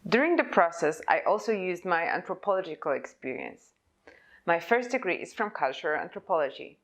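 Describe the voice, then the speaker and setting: Big swings in pitch mark this young woman's English presentation of her own type design at a conference. A native Polish speaker with a slightly low voice, she proceeds deliberately and measuredly, as if working from notes.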